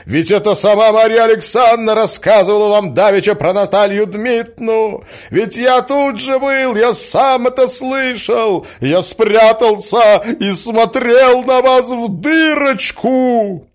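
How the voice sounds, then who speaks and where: A man's voice: fairly high pitch, expressive, fast talker, hardly any pauses, darkish tone, pitched above the performer's own voice, close to an everyday voice. A man voicing a desperate young man who pleads and exclaims to his uncle. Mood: pleading.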